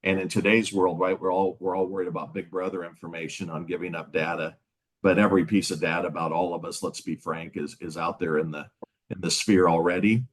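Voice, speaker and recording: A man's voice: low voice, little pitch movement, fairly quick. A middle-aged man, a sales executive, speaking in a casual conversational way on a webinar panel. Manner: conversational, folksy, with fillers.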